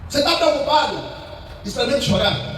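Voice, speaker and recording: A man's voice: very high-pitched, animated, fairly quick, a bit bright. A man, preaching a sermon as pastor, emphatic and full of repeated rhetorical questions. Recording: echoey hall, distant mic, faint noise.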